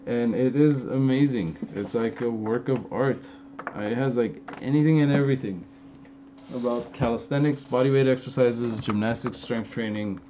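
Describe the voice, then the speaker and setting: Here a young man from LA, mid-range in voice and speaking at normal speed, answers live chat questions during a casual stream. His American accent has an Armenian influence, and he rambles with lots of fillers and restarts. Faint noise runs through the slightly dull, lo-fi recording.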